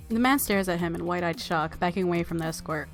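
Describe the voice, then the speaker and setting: Game music runs under this woman's quick, lowish voice as she reads out visual novel narration for a let's play. She's a YouTuber who keeps things casual, reacting with playful giggles.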